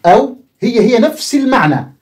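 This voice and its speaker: A man's voice: very high voice, sing-song, brisk, darkish tone. A man with an Egyptian Arabic accent teaching a lesson, asking the viewer questions and answering them himself. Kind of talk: explanatory video lesson.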